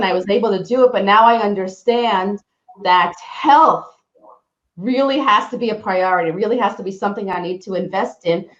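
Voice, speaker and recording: A woman's voice: a little high, roomy sound, dull audio. A woman presenting a webinar, telling a personal story in an earnest way, often restarting her sentences. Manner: earnest, self-interrupting storytelling with frequent restarts. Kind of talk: personal story and health talk.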